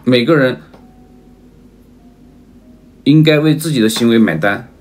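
A livestream seller speaks in a mid-range, lively voice at an unhurried pace. He keeps calling his viewers family, repeats himself emphatically, and asks over and over whether they agree.

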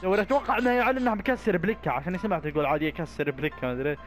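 Rapid, high-voiced young gaming host. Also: male voice, music in the background. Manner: excitable, shouts and laughs while bossing his friends around. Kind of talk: Minecraft let's-play commentary with friends.

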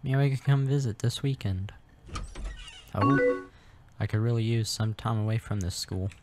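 A man reading out the chat lines of a sad young woman after a breakup, in his own plain voice over loud keyboard typing. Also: medium pitch, fairly even intonation, normal speed, loud music behind the voice, close to an everyday voice. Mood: hopeful.

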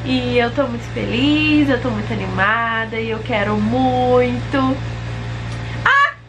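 Uma mulher brasileira, vlogueira, falando de forma casual e muito animada com a câmera em casa. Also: female voice, a little high, a little slow, background noise. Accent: Brazilian. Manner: excitable and effusive. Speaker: vlogger. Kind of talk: casual vlog chat to camera.

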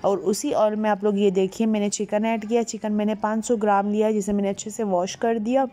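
In a voice-over for her home cooking channel, a woman chats viewers through a recipe one step at a time, often saying "ये देखिए" as she guides them. Her medium-pitched voice is brisk and level, with a dark tone.

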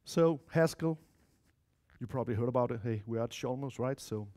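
At a moderate pace, a man in his thirties with a Danish accent and a dark, relaxed voice of ordinary male pitch presents an informal tech talk in an indoor lecture room. The software developer keeps it chatty, often turning to listeners with asides. He comes from Denmark or Spain, of mixed Spanish-Danish family.

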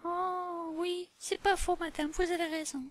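A woman's voice: extremely high pitch, little pitch movement, a little slow, no room sound. Woman voicing a stubborn little pig girl. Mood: conceding. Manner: complaining, childish.

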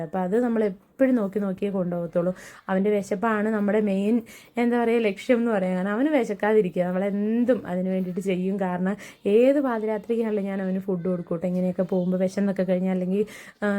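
A woman's voice: mid-range voice, dark tone. A woman in her thirties, a mother telling viewers a long personal story in a chatty vlog manner. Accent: Keralan Malayalam. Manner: chatty, often adds "kettō" tags. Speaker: vlogger, mother of a special-needs child.

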